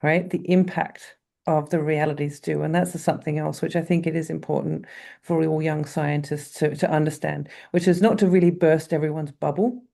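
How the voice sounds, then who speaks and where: A woman's voice: deep voice, fairly even intonation, moderate pace, vocal fry, mellow. A woman panelist on a video call, speaking candidly with wry humor about responsibility in communicating science.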